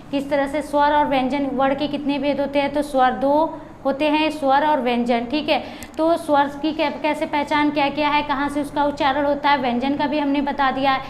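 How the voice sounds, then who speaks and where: A woman's voice: high-pitched, slight background noise. A woman teacher explaining grammar for exam preparation, repeating key terms and asking and answering her own questions. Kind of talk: grammar lesson for exam prep.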